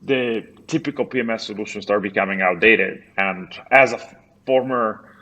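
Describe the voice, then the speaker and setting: This man's voice is on the low side, moderately paced, pushed and bright, though the audio sounds dull. A company founder from Italy with an Italian accent, he joins a podcast remotely and speaks thoughtfully in casual interview chat, pausing often to hesitate.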